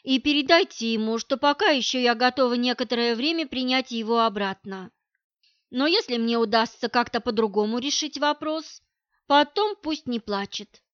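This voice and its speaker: A cold, scornful middle-aged wife, read by a woman in an audiobook, curt and dismissive, her voice pitched a bit high. The recording is dry and a little dull, like a lo-fi studio reading. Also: normal speed, fairly bright tone, no room sound, lightly acted.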